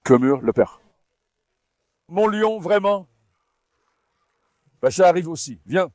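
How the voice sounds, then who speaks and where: A man talking casually in a vlog while coaxing and calming his dogs on a farm. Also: high voice, slow pace, dry recording. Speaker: farm dog owner and vlogger.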